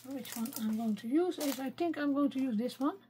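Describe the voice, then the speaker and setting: A woman talking quietly through her card making at a craft desk, thinking aloud and often half-whispering. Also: sits high, a little fast, a little hiss or hum. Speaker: craft video maker.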